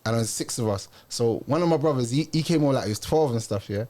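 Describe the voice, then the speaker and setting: A man born in Jamaica, hosting a casual chat and telling animated, slang-heavy stories. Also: mid-range voice, quick pace.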